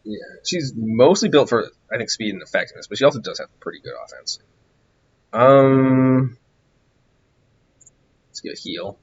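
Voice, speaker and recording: A man streaming a game, rambling distractedly through casual commentary while he grows hoarse and loses his voice. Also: mid-range voice, normal speed, pauses often, muffled recording, slight background noise. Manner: rambling, distracted, musing aloud.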